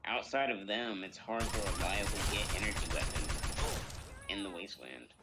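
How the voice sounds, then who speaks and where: Low-voiced man on a noisy line. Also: moderate pace, gravelly. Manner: calm, argues back in full sentences. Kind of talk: casual gaming chat.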